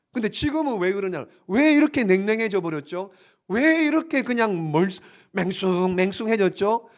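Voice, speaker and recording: A male pastor preaching a sermon in a church sanctuary, asking the congregation one rhetorical question after another in a fervent, pleading way. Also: sits high. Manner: emphatic, grows more fervent and pleading.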